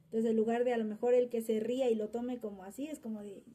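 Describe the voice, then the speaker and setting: Woman, mother being interviewed, rambling with fillers, somewhat high pitch, husky. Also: fairly even intonation, fast, warm tone. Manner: rambling, frequent fillers and restarts. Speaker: mother of interviewee's subject child. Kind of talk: interview answer, casual storytelling.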